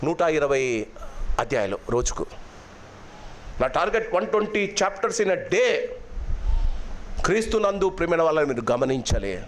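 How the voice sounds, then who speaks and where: Male pastor, fiery loud sermon delivery, high animated pitch, drops in English phrases. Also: a little slow, pauses often, a little hiss or hum. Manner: loud, impassioned preaching. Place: church hall.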